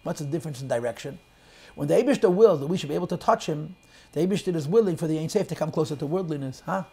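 A man teaching a Chassidic text class, explaining in English sprinkled with Hebrew and Yiddish terms and shifting between loud and soft emphasis. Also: fairly high pitch, animated, very fast, gravelly, breathy edge. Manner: quotes and translates lines of text, swings loud and soft. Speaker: Torah teacher.

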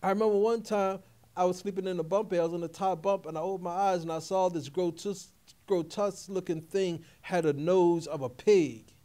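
A middle-aged man delivers a sermon in a notably high voice. He preaches in emphatic, repeated phrases and keeps calling out questions to his listeners. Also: steady tone, a little fast, warm tone. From Philadelphia area. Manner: call-and-response preaching, repetitive and emphatic. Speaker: pastor.

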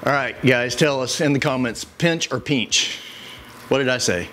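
A man's voice: medium pitch, moderate pace, sharp tone, slight background noise. A man hosting a casual home cooking video, joking around and chuckling as he cooks. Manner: joking, easygoing, chuckles often. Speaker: cooking show host. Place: home kitchen.

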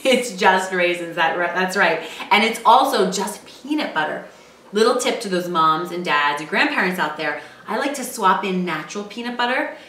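A woman's voice: mid-range voice, expressive, normal speed, fairly bright tone. A woman in her thirties hosting a casual home cooking show, upbeat and chatty as she gives encouraging tips. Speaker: cooking show host, mother. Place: home kitchen, indoors. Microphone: far camera mic. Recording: roomy kitchen echo from a distant mic.

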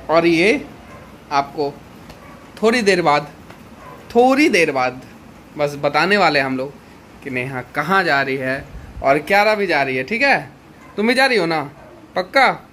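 A man's voice: a little high, a bit bright, a little hiss or hum. A man, chatting casually in a family vlog, teasing and pleading playfully. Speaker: vlogger.

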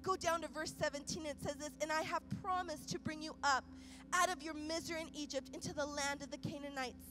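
Woman pastor, high voice, impassioned sermon over clear music, swings loud to soft. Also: steady tone, brisk. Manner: impassioned, swings between loud urgent peaks and soft quiet passages; repeats and restarts phrases while preaching. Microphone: microphone.

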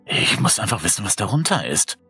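A man's voice: fairly low pitch, sing-song, brisk, creaky, bright, forceful tone, slightly rough, soft background music, exaggerated voice. Man voicing a bold curious teenage boy.

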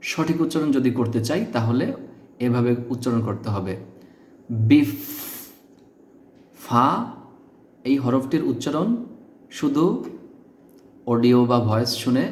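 A man teaching Quran pronunciation, repeating syllables slowly and patiently to stress the correct sounds. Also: medium pitch, a little mellow. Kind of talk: step-by-step pronunciation lesson. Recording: echoey room.

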